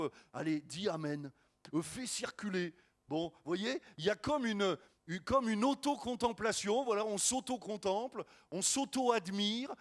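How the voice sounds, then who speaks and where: A man preaching a sermon as a pastor, lively and joking, with many restarts and asides to the congregation. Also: sits high.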